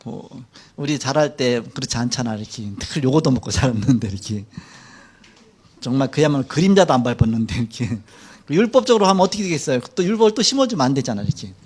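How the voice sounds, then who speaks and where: A man's voice: medium pitch, sing-song, fast, darkish tone, breathy edge. A middle-aged man preaching a sermon in a church. He speaks colloquially and animatedly, acting out quotes. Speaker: pastor. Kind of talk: sermon lecture.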